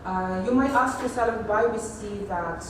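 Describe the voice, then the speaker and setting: A woman giving a technical conference presentation, pausing often with fillers and restarts. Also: medium pitch, background noise. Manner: hesitant, many fillers and restarts. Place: large echoey conference hall. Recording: echoey hall audio from far off.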